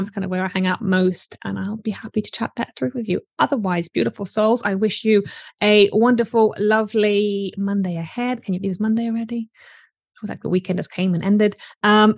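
A woman's voice: mid-range voice, no echo. Chatty woman business coach, dry sound. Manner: chatty, casual, lots of fillers. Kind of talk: live online coaching session.

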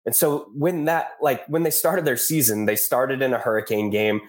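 A man's voice: medium pitch, steady tone, normal speed. A man with a stuffed-up nose from a cold, co-hosting a podcast with casual, informal sports analysis. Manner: informal, says dude and man. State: congested from a cold. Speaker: podcast co-host.

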